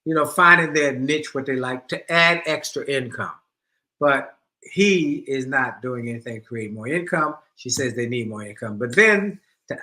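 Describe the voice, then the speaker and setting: Co-hosting a marriage advice show, a middle-aged man with a mid-range voice retells a listener's letter as animated storytelling, often repeating his phrases.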